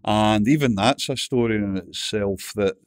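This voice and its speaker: A man's voice: lowish voice, a little slow, clear, resonant tone, no echo, clean studio sound. Older Glaswegian man, mumbling storyteller. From Scotland. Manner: mumbling, swears freely, tells anecdotes. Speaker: guest. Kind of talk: casual interview chat.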